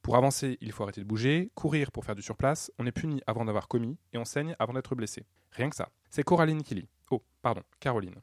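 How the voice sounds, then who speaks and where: Wry, fast-talking male radio host. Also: mid-range voice, expressive, no room sound, clean studio sound. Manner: wry, joking. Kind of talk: scripted radio links.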